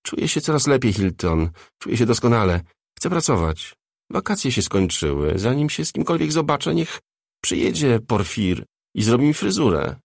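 A man reading the part of a young woman, a worn-out star back from addiction, with a tired, blunt, quietly defiant manner. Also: mid-range voice, big pitch swings, moderate pace, vocal fry, no echo, clean studio sound, voice pushed up. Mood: determined.

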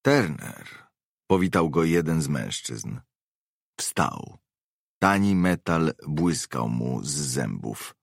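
A man narrating an audiobook with measured, expressive reading. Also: very deep voice, vocal fry, dry recording, studio quality.

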